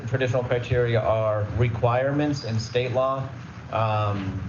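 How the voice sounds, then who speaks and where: A man's voice: mid-range voice, reverberant, far from the mic, muffled recording, background noise. A man giving a conversational presentation at a public meeting, explaining rules with everyday examples and plenty of fillers. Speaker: redistricting consultant presenting.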